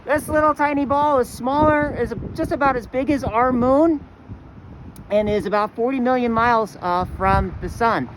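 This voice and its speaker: A woman's voice: fairly high pitch, moderate pace. Breathless woman teaching astronomy outdoors. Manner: enthusiastic, explanatory. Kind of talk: outdoor walking science lesson. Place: outdoors on a campus. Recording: wind noise outdoors.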